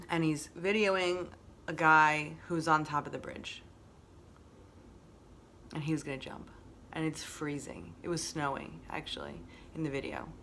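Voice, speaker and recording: A woman's voice: low voice, fairly even intonation, unhurried, long pauses, fairly bright tone, slight background noise. A woman hosting a casual motivational monologue, reflective and repeating phrases for emphasis. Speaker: host.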